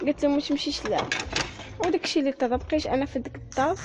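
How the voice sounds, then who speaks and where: A woman's voice: high voice, heavy background noise. Tearful young Moroccan woman. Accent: Moroccan Arabic. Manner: halting, emotional, often near tears. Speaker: storyteller. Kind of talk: personal story told to listeners.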